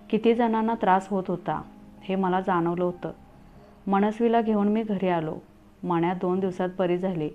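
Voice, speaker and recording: A woman narrating a scripted first-person story as a storyteller, in an earnest, steady way. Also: medium pitch. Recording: tinny phone-like audio, faint music.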